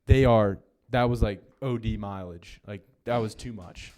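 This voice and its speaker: A man's voice: on the low side, a little slow, a little mellow. A young man from the northeastern United States co-hosting a podcast in casual chat, rambling and self-deprecating with lots of fillers. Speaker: podcast co-host.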